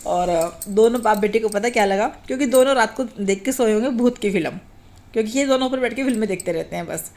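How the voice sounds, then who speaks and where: Chatty woman vlogging at home, higher voice. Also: fast, darkish tone. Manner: rambling, repeats filler phrases, talks straight to viewers. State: recovering from a cough, clears throat. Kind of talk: casual chatty home vlog narration. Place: home kitchen while cooking.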